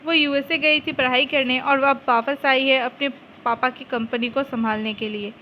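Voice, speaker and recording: A woman's voice: high-pitched, fairly even intonation, moderate pace, highs cut off, slight background noise. A woman steadily reading a fan story aloud as its storyteller.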